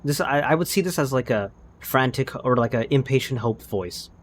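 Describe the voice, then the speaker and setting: A man's voice: medium pitch, lively intonation, moderate pace. Male gaming co-host and narrator, teasing, varied intonation, faint noise behind. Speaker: co-host guiding and narrating a game. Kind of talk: casual playthrough chat with narration.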